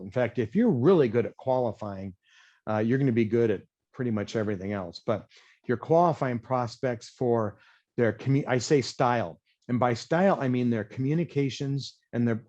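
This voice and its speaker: A man presenting a sales and marketing training session, energetic but deliberately slowing his speech to explain. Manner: energetic, self-described high-wire talker; deliberately slowed, explanatory pace. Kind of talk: webinar presentation. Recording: dull lo-fi webinar audio.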